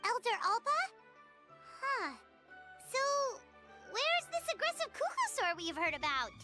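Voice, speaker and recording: A tiny, chirpy game fairy with an extremely high, childlike squeak. The pitch bounces around in a very animated way, over loud music. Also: female voice, unhurried, heavily acted. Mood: curious. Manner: squeaky, chirpy, refers to self by name. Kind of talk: scripted game character acting.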